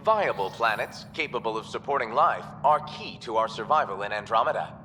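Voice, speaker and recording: A bright, formal male announcer for a space station, whose words ring out over the public address speakers with a long hall echo behind them. His delivery moves lively through its pitch while keeping an even, informative tone. A faint hiss sits under the loudspeaker sound. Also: brisk, soft background music. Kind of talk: video game station announcements.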